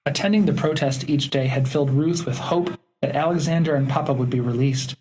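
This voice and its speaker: A man narrating a historical audiobook in a steady, measured reading. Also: fairly high pitch, poor audio. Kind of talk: scripted narration.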